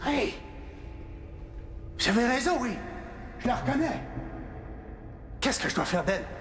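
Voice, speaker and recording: A man voicing a jittery male agent in a cartoon, rushed and stammering. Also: very high voice, sing-song, a bit bright, faint music behind, exaggerated voice. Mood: frantic. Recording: roomy echo.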